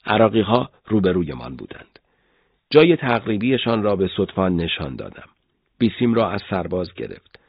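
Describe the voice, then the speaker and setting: A man with a husky voice narrating a war memoir as a scripted story in an even storytelling manner. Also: deep voice, no echo, lo-fi sound.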